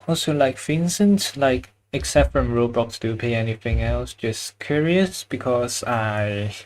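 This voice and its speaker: This Chinese livestreamer keeps up easy conversation with viewers as he draws, stopping to search for words and laughing lightly. His mid-range voice is expressive and unhurried, carrying a Chinese accent.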